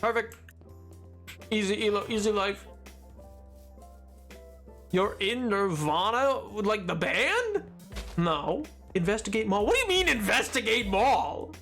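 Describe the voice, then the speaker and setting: A man chatting casually and excitably on a gaming livestream, joking and repeating his words. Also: high-pitched, takes it slowly, pauses often, soft background music. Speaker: game streamer.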